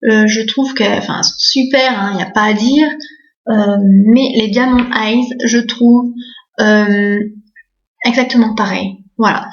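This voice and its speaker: A chatty woman, her voice sitting a little high, eagerly talking through her beauty finds with constant fillers. The room is echoey, and the recording sounds dull and lo-fi. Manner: chatty, many fillers and "voilà"; enthusiastic about bargains. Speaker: beauty vlogger. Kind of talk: casual haul video.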